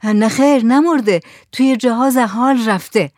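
A woman's voice: on the high side, darkish tone, dry recording, voice pushed up, natural voice. Brief: plainspoken man, short blunt answers, storybook dialogue, a woman reading, dry mic. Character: blunt plainspoken male companion. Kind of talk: audiobook narration.

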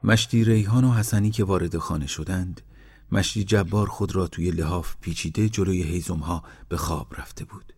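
A man reading a folk tale aloud in a measured, even narration. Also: deep voice, breathy edge. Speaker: storyteller.

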